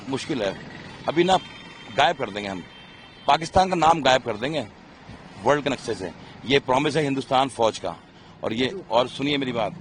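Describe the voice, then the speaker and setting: A man's voice: mid-range voice, slight background noise. A middle-aged man, an army officer, speaking in an impassioned, emphatic interview, pleading and repeating himself.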